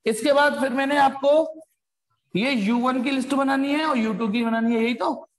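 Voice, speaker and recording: A man's voice: very high voice, moderate pace. A man teaching a live online physics class in speech, chatty, calling students "beta" and throwing in slangy asides. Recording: echoey room with long reverb.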